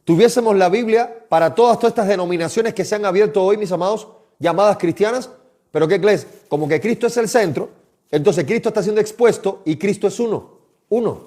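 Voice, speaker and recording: A man's voice: sits high, a little fast, mellow. A man preaching a live-streamed sermon, impassioned and exhorting, often calling his listeners his beloved. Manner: impassioned, exhorting, addresses listeners as "mis amados".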